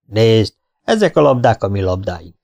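A man voicing a stubborn, tough male coach speaking slowly and matter-of-factly. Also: on the low side, sing-song, gravelly, a little mellow.

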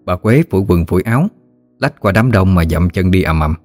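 A man narrating an audiobook story in a steady, descriptive way. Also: low-pitched, fairly quick, soft background music.

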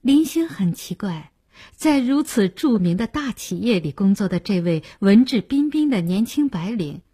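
Breathy female audiobook narrator. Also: mid-range voice, lively intonation, normal speed, mellow. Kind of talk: scripted narration.

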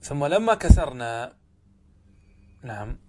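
A man teaching Arabic grammar to a class. He speaks slowly and deliberately, drawing out example words, repeating them, and asking the class questions. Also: medium pitch, sing-song, dark tone. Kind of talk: classroom lesson explaining a text.

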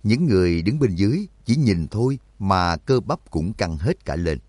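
A man narrating an adventure audiobook in an expressive storytelling voice. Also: low-pitched, moderate pace, no echo. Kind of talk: scripted narration.

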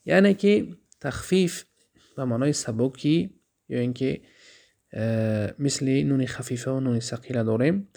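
A man with a Tajik accent teaches a grammar lesson in a gravelly, mid-pitched voice. He poses questions to his listeners and then answers them himself. He slows down to recite each Arabic example. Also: mellow.

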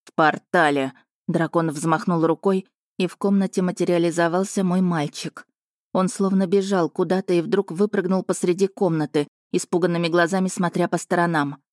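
A woman's voice: lowish voice, fairly even intonation, normal speed, darkish tone, no echo, studio quality. A woman narrating a first-person fantasy audiobook.

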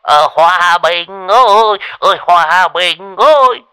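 A man's voice: animated, drawn-out words, clear, resonant tone, no echo, full character voice. A man doing a rowdy, boastful old man. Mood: jolly. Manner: shouting, high and laughing.

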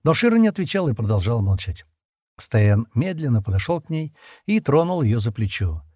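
Male audiobook narrator, lively intonation, slightly husky. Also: mid-range voice, brisk, no room sound, studio quality. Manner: expressive, lively reading. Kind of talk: scripted narration.

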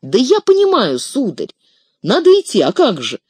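A reader voicing a devoted, excitable young male hobbit servant who pleads in shrill, tearful outbursts. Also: moderate pace, slightly rough, no echo, heavily acted. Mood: pleading. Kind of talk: audiobook character reading.

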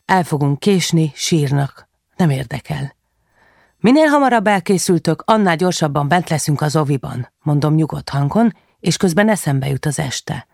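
A woman narrating a first-person novel as an audiobook, in an understated, intimate reading that sometimes drops soft. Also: low voice, vocal fry, no room sound, studio quality.

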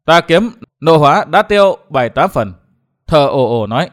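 Guy reading a martial arts novel audiobook, kinda high voice, super lively delivery. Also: normal speed. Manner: expressive storytelling. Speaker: audiobook narrator.

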